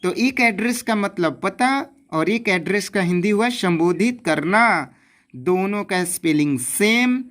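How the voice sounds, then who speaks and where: Female English teacher, unhurried, repeats each point to drill it in. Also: medium pitch, lively intonation, fairly bright tone. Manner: repeats points, asks and answers own questions. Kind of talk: classroom grammar lesson.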